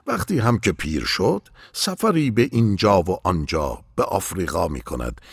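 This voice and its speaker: A man voicing a calm, mysterious old man who patiently explains things to a young shepherd in an audiobook story. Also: on the low side, creaky, breathy edge, dry recording, clean studio sound, exaggerated voice. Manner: patient, instructive.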